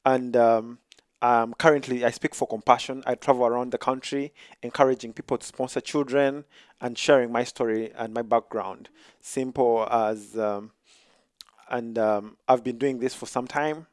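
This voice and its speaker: Calm Ugandan man in his thirties. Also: mid-range voice, moderate pace, dry recording, clean studio sound. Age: 30s. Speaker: guest, speaker for a charity. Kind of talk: casual interview.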